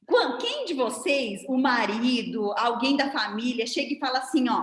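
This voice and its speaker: A woman's voice: high-pitched, normal speed. A woman with a Brazilian Portuguese accent gives a didactic online lecture to a seminar over a video call, explaining things with hand demonstrations. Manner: didactic, animated, demonstrating with her hands. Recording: roomy echo.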